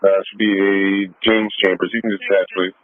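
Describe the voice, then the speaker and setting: A man's voice: low voice, level tone, moderate pace, dry recording. A man speaking over a police radio as an officer, giving terse call signs and radio codes. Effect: police radio transmission. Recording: tinny dry radio transmission.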